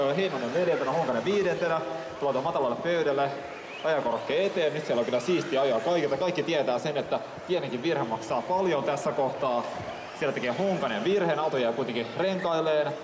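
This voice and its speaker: A man with a slightly high voice calls a radio-controlled car race, steadily ticking off positions. His voice rings through a huge echoey exhibition hall. Buzzing model cars and hall noise fill the background. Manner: steady running play-by-play, listing positions. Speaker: race commentator. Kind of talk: live race commentary. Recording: echoey hall, noisy PA sound.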